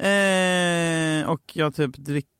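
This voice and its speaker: A young man co-hosting a podcast, telling a personal story in a candid, halting way. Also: on the high side, fairly bright tone, clean tone, no room sound, studio quality. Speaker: podcast co-host. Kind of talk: casual chat.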